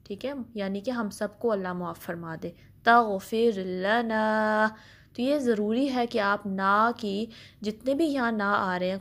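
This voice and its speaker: A woman teaching Quran recitation, patiently explaining each letter with slow spoken examples and mixing English words into her explanations. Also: mid-range voice. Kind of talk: step-by-step recitation lesson.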